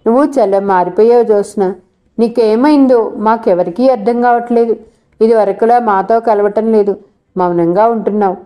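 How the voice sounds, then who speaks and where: A teasing, coaxing young college girl from a storybook reading, as a woman reader puts her on. Her voice is mellow and dark. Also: on the high side, moderate pace, clear, resonant tone, natural voice.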